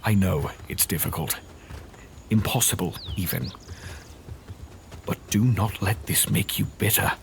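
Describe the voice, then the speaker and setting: An actor playing a kindly, steady doctor who looks after children in an audio drama, with faint noise behind him. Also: male voice, lowish voice, unhurried, vocal fry, pauses often. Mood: earnest, consoling.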